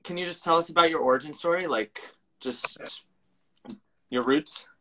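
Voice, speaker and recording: Cheery podcast cohost, bright voice, laughs a lot. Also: medium pitch, normal speed. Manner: upbeat, laughs often. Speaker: podcast co-host. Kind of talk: casual podcast chat.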